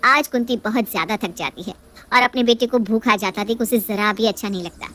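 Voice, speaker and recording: A woman narrating a family story in a calm, even storytelling manner. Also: medium pitch, fairly quick.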